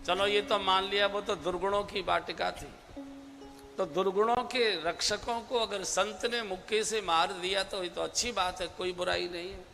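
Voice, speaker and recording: A man giving a devotional scripture discourse as a spiritual preacher, measured and emphatic, drawing out key phrases. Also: high voice, steady tone, vocal fry, sharp tone. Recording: long hall reverb with instrumental music behind.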